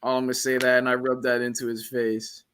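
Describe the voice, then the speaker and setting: A man co-hosting a combat sports podcast, answering his louder partner in a calm, level voice. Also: medium pitch, fast talker, slight background noise. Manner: calm, even, called monotone. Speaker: podcast co-host. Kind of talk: sports debate.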